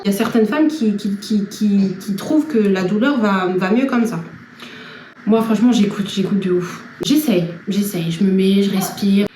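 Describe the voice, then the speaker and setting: A young woman vlogger telling a personal story in an animated, laughing way. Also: medium pitch, moderate pace, a little hiss or hum. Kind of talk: storytelling vlog. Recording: echoey room from far off, faint music.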